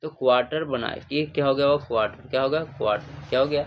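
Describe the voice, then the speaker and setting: A male teacher gives a math lesson on a livestream. His voice sits at a middle pitch as he keeps asking "what is it?" and repeats each answer. Faint noise and clicks are heard behind him. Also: fast talker, highs cut off. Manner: call-and-response questioning, repeats answers, calls students "babu".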